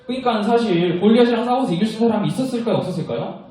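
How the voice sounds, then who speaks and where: Young man, children's sermon storytelling, high lively voice, mellow tone, asks the kids questions. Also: very fast, recorded from a distance. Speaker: children's ministry preacher. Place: church worship room. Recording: echoey room, voice from afar.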